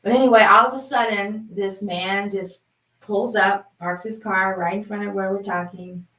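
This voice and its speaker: Chatty storyteller, woman in her fifties, animated delivery; distant mic, reverberant room. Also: mid-range voice, moderate pace. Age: 50s. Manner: chatty, animated, laughs while telling. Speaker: sound healing host. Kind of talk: personal storytelling. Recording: roomy, from a distance.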